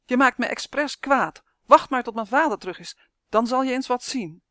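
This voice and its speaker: A woman voicing a spoiled, hot-tempered young boy who shouts and shrieks in anger in a storybook reading. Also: moderate pace, no echo, clean studio sound, lightly acted. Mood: furious. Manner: shrill, shouting, stamping tantrums.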